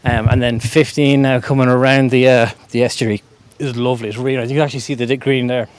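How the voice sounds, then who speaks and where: A man's voice: medium pitch, flat delivery, fast talker, smooth. A man doing casual live golf commentary as a commentator, in a conversational, loosely phrased way.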